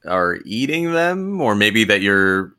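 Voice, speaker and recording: A man's voice: on the low side, very animated, takes it slowly, sharp tone, smooth. A man hosting an improvised comedy interview, questioning his guest in a probing, mock-incredulous way. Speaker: podcast host.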